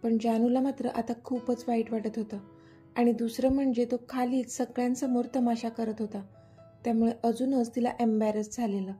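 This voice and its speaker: A woman narrating a serialized family story in a steady, expressive reading. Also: fairly high pitch, normal speed, breathy edge. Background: soft background music.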